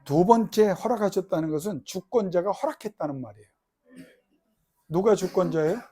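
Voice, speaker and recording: A middle-aged man preaching a sermon as pastor, swinging between loud, crying-out prayer and soft, low asides, and putting questions to the congregation. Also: lively intonation, moderate pace, breathy edge. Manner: questions the congregation and has them repeat lines.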